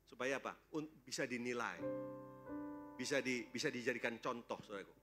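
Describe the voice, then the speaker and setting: A man preaching a sermon at a church service, lively and joking, constantly throwing questions at the congregation. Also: mid-range voice, a little fast, over music. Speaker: pastor.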